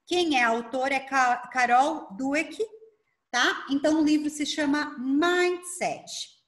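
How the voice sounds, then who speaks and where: A Brazilian woman coach giving a lively online workshop, talking fast and asking herself rhetorical questions over a video call. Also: sits high. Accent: Brazilian Portuguese. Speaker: coach and speaker leading a workshop.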